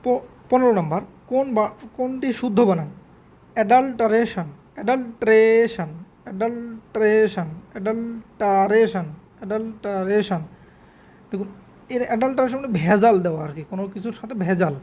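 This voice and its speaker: A woman teaching English spelling in a quiz lesson, repeating each word slowly and spelling it out letter by letter. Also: medium pitch, expressive, warm tone, breathy edge.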